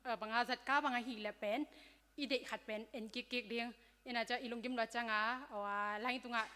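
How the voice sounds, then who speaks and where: A woman addresses a church youth gathering, walking them through health topics in a loose, conversational way full of fillers. Her voice sits a little high and sounds bright and forceful. The sound carries the long reverb of a large hall. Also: fairly even intonation, fast talker. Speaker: speaker at a church youth seminar. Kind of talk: informal health talk to young people.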